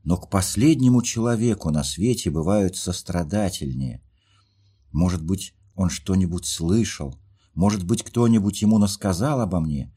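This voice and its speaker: A man's voice: low voice, animated, moderate pace, warm tone, husky. A man reading a story aloud, voicing a hurt young woman who pleads through tears. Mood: pleading. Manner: impassioned, pleading questions.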